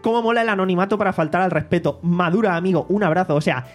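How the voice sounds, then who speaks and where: A man's voice: sits high, fast, faint music behind. A man, hosting a casual podcast, reading out listener comments in a mocking, swearing tone. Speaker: podcast host. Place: home studio.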